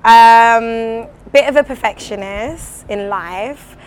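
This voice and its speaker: A woman's voice: fairly high pitch, slow, clear, resonant tone, faint music behind, rough recording. A woman with a South London accent chatting casually as an interview guest, with an informal, slangy, joking way of talking. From South London, England, with part of childhood in Brooklyn.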